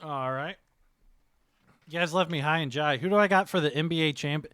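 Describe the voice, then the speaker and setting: A man's voice: fairly high pitch, moderate pace, fairly bright tone, smooth, no echo. A man talking casually as a streaming game master, in a rambling, joking manner.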